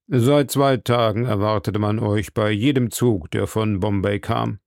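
A man voicing a slow, pompous older male judge in a storybook reading, speaking in a deliberate way. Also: lowish voice, fairly even intonation, darkish tone, no echo, studio quality. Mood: officious. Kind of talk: audiobook character voice.

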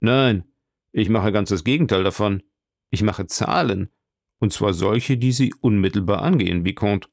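A man's voice: fairly low pitch, moderate pace, creaky, dry recording, studio quality. A man voicing a matter-of-fact minister's secretary in an audiobook, explaining figures plainly. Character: evasive male minister's secretary.

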